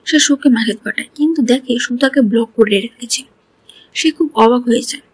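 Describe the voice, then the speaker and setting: A woman's voice: on the high side, brisk, husky, no echo. A woman retelling a drama's story scene by scene and reading the characters' lines in her own voice. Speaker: drama recap narrator.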